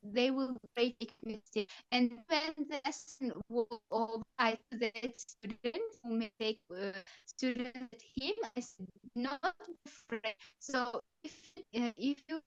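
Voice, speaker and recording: A woman's voice: on the high side, no room sound. Woman on a choppy, cutting-out call. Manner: halting, full of pauses and restarts. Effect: bad connection, audio cutting out. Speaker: teacher attending a webinar. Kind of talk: sharing a classroom story on a video call. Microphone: video call. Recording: muffled, dull audio over a choppy call line.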